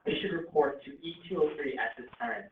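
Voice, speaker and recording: A man's voice: fairly high pitch, expressive, brisk, creaky. Man's announcements over a school intercom. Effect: heard over a school intercom. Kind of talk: reading morning announcements. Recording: tinny echoey intercom with hiss.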